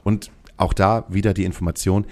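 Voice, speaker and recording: Low-voiced man chatting casually. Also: level tone, fairly quick, a little mellow. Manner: rambling, many restarts, playful mock voices. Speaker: podcast co-host. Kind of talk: casual chat.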